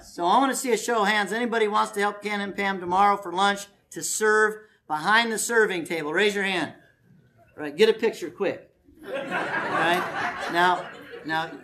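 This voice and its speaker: A man's voice: sits high, bright, forceful tone. Folksy male preacher making camp announcements. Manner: folksy, joking, coaxing the crowd to volunteer. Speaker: pastor leading a family camp. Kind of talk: sermon and announcements to a congregation.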